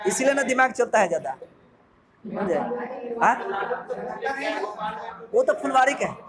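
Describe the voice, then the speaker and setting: A man's voice: very high-pitched, very animated, a little slow, a loud crowd. A man from Bihar with a Bihari accent, a coaching teacher running a jokey quiz revision and quizzing his class. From Bihar, India. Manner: jokey, asks the class questions. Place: classroom full of students. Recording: noisy crowded classroom. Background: students in the room.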